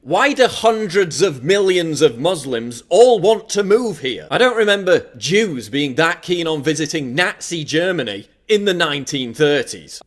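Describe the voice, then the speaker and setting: A man's voice: on the high side, big pitch swings, a little slow, hardly any pauses. A man narrating a scripted video essay in a sarcastic, mocking tone.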